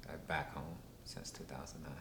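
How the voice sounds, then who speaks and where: Very deep-voiced man, slow and halting. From Washington, D.C. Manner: unhurried, halting, many fillers. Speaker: interviewee. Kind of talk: casual recorded interview. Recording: roomy, with steady low rumble.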